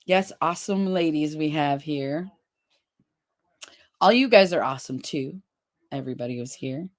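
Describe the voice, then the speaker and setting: During a relaxed livestream, a woman in her fifties chats and laughs while reading viewers' comments out loud. She speaks at a moderate pace in a low voice with lively intonation.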